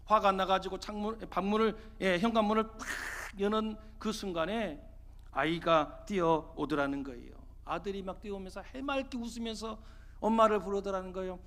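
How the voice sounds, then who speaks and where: A man preaching as pastor, telling a story in an animated, dramatic way with emphatic exclamations. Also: high voice, moderate pace. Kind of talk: sermon with storytelling.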